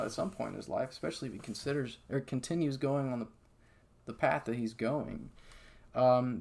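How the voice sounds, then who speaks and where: A man with a gravelly edge to his mid-pitched voice tells his own story in a loose, animated way. He keeps checking in with little "okay?"s and scatters "like" through his sentences. He sounds like casual first-person storytelling. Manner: animated, conversational, heavy fillers like "okay?" and "like". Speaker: patient sharing his story.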